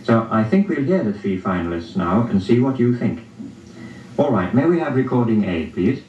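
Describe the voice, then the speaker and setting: A man formally presenting a contest as host, in a polite, measured manner. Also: on the low side, sing-song, darkish tone. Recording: dull, roomy, distant archival audio.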